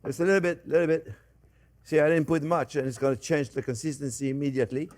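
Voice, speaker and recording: A somewhat high, steady-toned voice at a quick pace belongs to an older man hosting a cooking show. He chats animatedly and casually, greeting viewers warmly as friends and repeating short phrases during his demonstrations.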